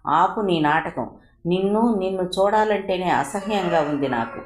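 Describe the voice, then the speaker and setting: A woman's voice: lowish voice, moderate pace, darkish tone, close to an everyday voice. Woman voicing a bitter, accusing young wife. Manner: accusing, emotional. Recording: echoey room.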